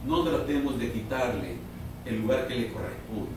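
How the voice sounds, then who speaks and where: A man preaching a sermon, slow and emphatic, drawing out words and rising to sudden loud peaks. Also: medium pitch, slight background noise. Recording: echoey room, heard from far off.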